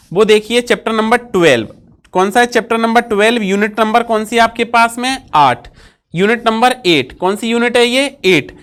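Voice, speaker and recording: A woman teaching a physics lesson, with a smooth, resonant voice at a middle pitch. She goes over each item more than once. She asks the class questions and answers them herself, adding "ठीक है" checks along the way. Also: fairly bright tone. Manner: fills pauses with "ठीक है" checks.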